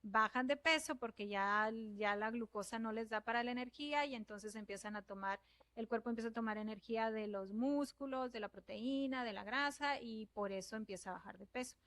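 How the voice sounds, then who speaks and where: Mexican woman nutritionist, higher voice. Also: brisk, fairly bright tone, no room sound. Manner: patient, explains step by step, agrees readily. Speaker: nutritionist guest. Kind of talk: explanatory interview talk.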